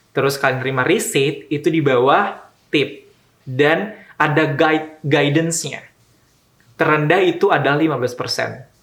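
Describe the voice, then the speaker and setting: Man, young adult, from Indonesia, casual vlog monologue, slangy with English words mixed in, hesitant fillers, mid-pitched voice, roomy echoey room. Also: fairly bright tone. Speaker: vlogger. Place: home room.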